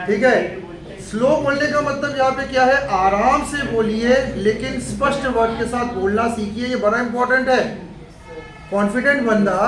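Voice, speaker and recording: A high-pitched man with an Indian accent lectures his students in a chatty, humorous way. He sounds set back from the mic in an echoey classroom with faint room noise. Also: recorded from a distance. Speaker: computer institute teacher.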